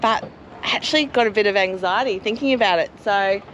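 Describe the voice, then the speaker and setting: A hoarse woman, chatting casually and poking fun at herself in a travel vlog, outdoors at a caravan park. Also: mid-range voice, fairly quick, fairly bright tone, a little hiss or hum. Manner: chatty, self-mocking. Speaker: travel vlogger. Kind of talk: casual chat.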